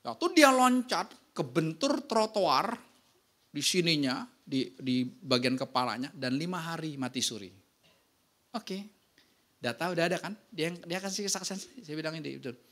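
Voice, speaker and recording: Animated man preaching a sermon. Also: on the high side, normal speed. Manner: lively, keeps checking in with the congregation; casual, slangy preaching with anecdotes. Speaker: pastor.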